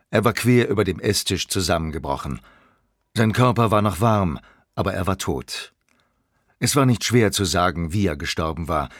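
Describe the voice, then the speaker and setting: A man narrating a dark short story in a measured, dramatic storytelling manner. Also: sits low, no echo, clean studio sound. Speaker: audiobook narrator.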